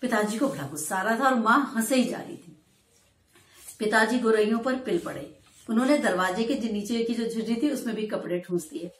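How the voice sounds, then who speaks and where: High-voiced woman teacher in echoey room. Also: lively intonation, brisk. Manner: storytelling, acts out quoted lines with a laugh. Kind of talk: explaining a story chapter in class.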